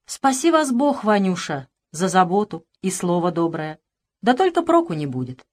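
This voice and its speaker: A woman voicing an old male house serf who speaks gently and humbly with quiet sorrow, in an audiobook. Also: lowish voice, very animated, moderate pace. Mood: sad resignation.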